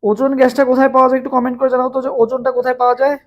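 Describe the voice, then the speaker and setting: A man with a Bangladeshi Bengali accent teaching a live online chemistry class, his voice hoarse from a long day of teaching, repeating questions and drilling answers with students. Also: very high-pitched, flat delivery, rapid-fire, lo-fi sound.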